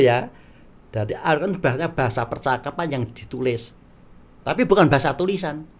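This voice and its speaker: A male Islamic teacher giving a religious lecture, who chants verses slowly and acts out everyday examples in a raised voice. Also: mid-range voice.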